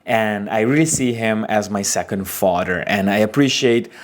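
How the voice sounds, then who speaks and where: A man in his twenties with an Aruban accent, a wedding photographer telling his story and giving business advice in a casual talking-head episode, animated and expressive. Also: normal speed. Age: 20s. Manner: animated, expressive storytelling with big pitch swings.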